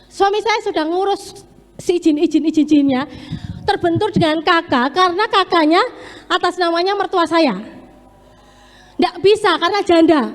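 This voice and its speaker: A woman giving an earnest, emphatic testimony in a church sermon. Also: extremely high pitch. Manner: earnest, emphatic, slips into Javanese words. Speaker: lay preacher. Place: church hall. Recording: echoey church hall with long reverb.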